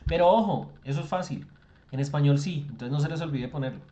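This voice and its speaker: A man's voice: a little high, expressive, a little fast, mellow, muffled recording. A man, teaching an online class and explaining with lots of rhetorical questions. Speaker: English tutor. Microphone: video call.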